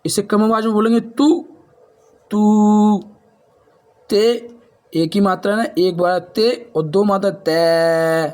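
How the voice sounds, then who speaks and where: A man's voice: high-pitched, fairly even intonation, normal speed. A man teaching the Hindi alphabet, reciting syllables one by one and explaining them in a repetitive, friendly way to viewers he calls friends. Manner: addresses viewers as friends, repeats for emphasis.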